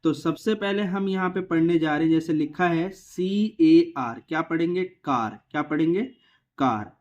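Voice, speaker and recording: A man teaching English vowel sounds, asking a question and answering it himself, repeating each word slowly. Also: on the high side, darkish tone. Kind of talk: phonics lesson for beginners.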